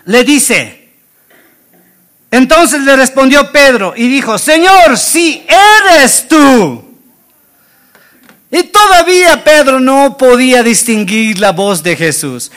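A man preaching a sermon with a very high, bright voice. He speaks slowly, swings his pitch widely and turns to his listeners with questions. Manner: dramatic, acts out the Bible scenes; asks the congregation questions. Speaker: pastor.

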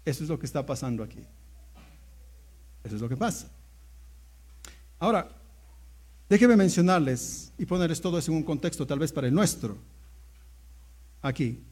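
A man preaching a sermon as pastor, telling a story and swinging between hushed low asides and loud exclamations. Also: lively intonation, moderate pace, long pauses, breathy edge.

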